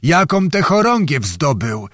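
Reading an audiobook, a man voices a boastful, grumbling old nobleman with theatrical bluster, pushing his pitch above his natural voice into an exaggerated, sing-song, fairly bright register. He keeps a measured pace, and the clean studio recording has no room sound.

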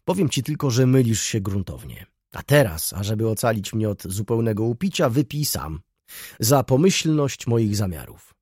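Lektor czytający niespokojnego kupca w sile wieku. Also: male voice, on the low side, sing-song, moderate pace, darkish tone, slightly rough, dry recording, studio quality. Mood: insistent. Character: restless middle-aged merchant, brooding and feverish. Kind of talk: audiobook reading.

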